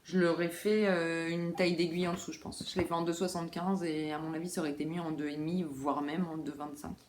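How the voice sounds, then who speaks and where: Woman, low-ish voice, chatty knitting talk, echoey room, faint background hum. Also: flat delivery, fast talker, a little mellow. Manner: chatty, many fillers and asides. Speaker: knitting podcast host. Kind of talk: casual chat. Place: room at home by a window.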